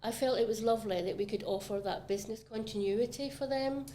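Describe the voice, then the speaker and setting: On a relaxed podcast, a woman with a Scottish accent from Scotland talks about retail property with chatty enthusiasm and many ums; she works as a commercial property manager. Her voice is fairly high and warm, her pace quick, with slight background noise.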